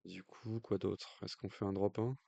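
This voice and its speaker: Man, french accent, casual card game commentary, fillers while thinking, low voice, dry close sound. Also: steady tone, normal speed, creaky, mellow, dry recording, highs cut off. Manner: thinking aloud, hesitant fillers; jokey aside in accented English. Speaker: stream commentator.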